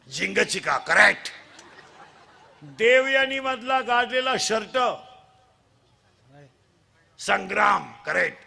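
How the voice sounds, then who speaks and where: This middle-aged man leads a comic devotional kirtan. His voice sits high and gravelly, and he takes his time. He teases the children and pushes them to shout their answers back to him. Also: slight background noise. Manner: teasing call-and-response with children, shouting prompts. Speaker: kirtan preacher.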